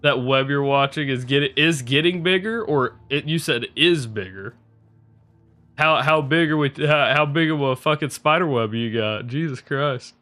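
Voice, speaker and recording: A man's voice: medium pitch, moderate pace, bright, forceful tone, soft background music. A young man streaming a game, chatting casually with viewers in a rambling, profane way and laughing often.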